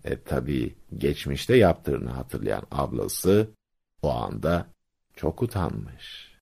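A man tells folk tales and explains sayings in a scripted, measured radio narration. His voice is very low, gravelly and husky, moving through a wide melodic range at an unhurried pace. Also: sing-song, darkish tone. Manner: measured, didactic storyteller.

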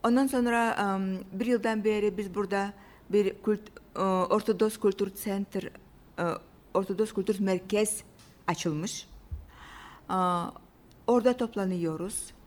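A woman from Russia with a Russian accent, telling about her own life casually in simple, halting non-native Turkish with grammatical slips. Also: mid-range voice, steady tone, a little mellow. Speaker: interview guest. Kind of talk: casual personal storytelling.

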